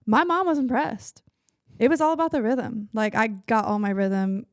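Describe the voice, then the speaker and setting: A young woman country singer with a raspy, low voice, chatting casually as a guest and trailing into vocal fry at the ends of sentences. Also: normal speed, dry recording, studio quality. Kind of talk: casual chat.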